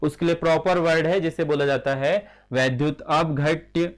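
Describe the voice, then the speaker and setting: A man with a steady, high-leaning voice teaches chemistry, dictating slowly as he writes on the board. He repeats key terms, slips English phrases into his speech, and answers the questions he asks.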